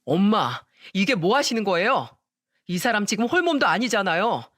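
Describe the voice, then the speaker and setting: A woman's voice: mid-range voice, animated, moderate pace, dry recording, clean studio sound, lightly acted. A woman voicing a young husband in a narrated radio story, firm and exasperated but caring. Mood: angry. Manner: firm with mother, gentle with wife.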